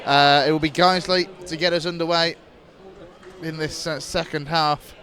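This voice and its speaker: Man, football commentator, live play-by-play, fairly high voice, brisk delivery. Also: fairly even intonation, a faint crowd. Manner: brisk play-by-play, rising to shouts at chances.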